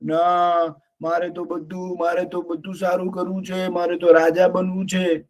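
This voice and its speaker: A man's voice: high-pitched, monotone, moderate pace, a little mellow, lightly acted. A man voicing a foolish, boastful male donkey who brays and whines in a children's story. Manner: braying, whiny and boastful.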